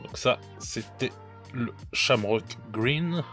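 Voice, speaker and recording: A man's voice: mid-range voice, takes it slowly, a bit bright, faint music behind. A man casually reviewing paint colors, chatty and hesitant, with many fillers and restarts and self-mocking laughs at his own mistakes. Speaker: miniature painting youtuber.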